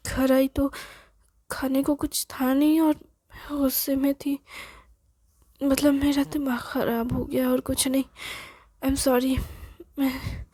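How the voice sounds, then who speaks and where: A woman voicing a stressed young woman who is crying and apologizing in halting, broken phrases. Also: sits high, warm tone, no echo, clean studio sound. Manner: sobbing, halting, repeated apologies.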